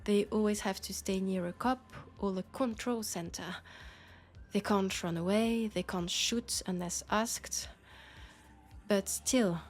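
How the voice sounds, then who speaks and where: A woman with a French accent playing a grave, caring futuristic policewoman in an intimate sci-fi audio roleplay, speaking in measured short phrases. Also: medium pitch, close to an everyday voice. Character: Nyx, grave, caring futuristic policewoman tending her drunk partner.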